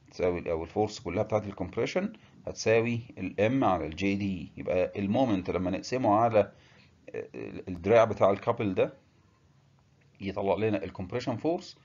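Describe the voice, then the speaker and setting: A man with an Egyptian Arabic accent delivers a structural engineering lesson at a rapid clip, his voice sitting a little low. He works through each step with short filler pauses and English technical words. The recording sounds somewhat dull and lo-fi. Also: animated, darkish tone. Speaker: engineering lecturer. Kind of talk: technical lecture.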